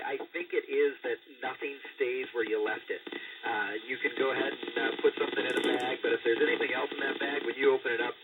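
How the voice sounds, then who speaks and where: A middle-aged man, an astronaut, answering students' questions over ham radio in an easygoing, plain way, pausing on "uh" and signing off each answer with "Over", heard through a radio transmission with static. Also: medium pitch. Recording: distant radio downlink with static hiss.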